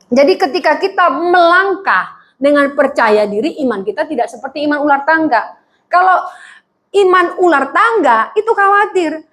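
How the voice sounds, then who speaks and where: A middle-aged woman pastor preaching a sermon, joking and acting out little quoted prayers and stories. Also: high voice. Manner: humorous, animated storytelling with acted-out quotes.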